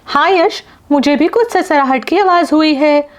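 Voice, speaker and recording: Woman doing a jittery young wife. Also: unhurried. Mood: worried. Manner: high, anxious, shrill when scared. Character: nervous young wife and mother, easily frightened.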